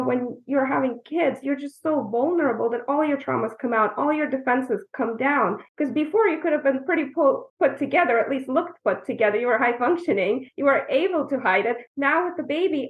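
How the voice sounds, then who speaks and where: A woman who works as a coach and therapist, explaining things earnestly as a guest in an interview. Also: sits high. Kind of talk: interview conversation. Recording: tinny phone-like line.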